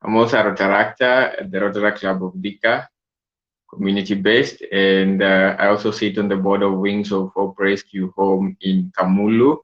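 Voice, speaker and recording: A man, a charity founder speaking as a guest on a video call, halting and repeating himself. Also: deep voice, level tone, a bit bright, dull audio. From Kenya. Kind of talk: interview over a video call.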